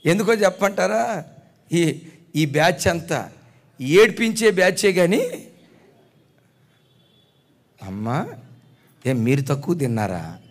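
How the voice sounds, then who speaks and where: High-voiced preaching pastor in a hall. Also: male voice, sing-song, takes it slowly, long pauses. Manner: preaching with call-and-response to the congregation. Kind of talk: sermon.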